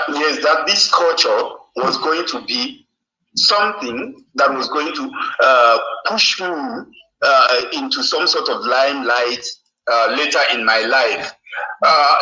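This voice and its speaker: A man from Cameroon, heard over a phone on speakerphone as a guest author, answering in a deliberate, reflective way. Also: mid-range voice, bright, forceful tone. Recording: roomy, muffled speakerphone call.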